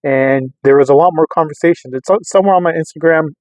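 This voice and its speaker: Here a man's fairly high, slightly mellow voice moves fast as he, a middle-aged radio hobbyist and vlogger, tests equipment in a vehicle on a road test. He talks casually to camera, wandering off and returning to repeat what he's said. There's no room sound at all.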